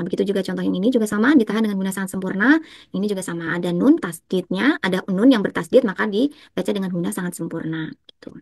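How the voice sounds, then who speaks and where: A woman's voice: mid-range voice, a little mellow, no echo, studio quality. A young woman teaching Quran recitation rules, explaining step by step in a patient, repetitive way. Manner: patient, repetitive explanation, slows to chant examples.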